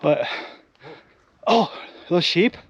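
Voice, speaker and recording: A man filming himself as he hikes outdoors, out of breath and exclaiming excitedly on a handheld camera mic. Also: high-pitched, slow pace, lo-fi sound, noisy background. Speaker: vlogger exploring ruins. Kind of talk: excited on-the-spot hiking commentary. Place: outdoors on a hilltop.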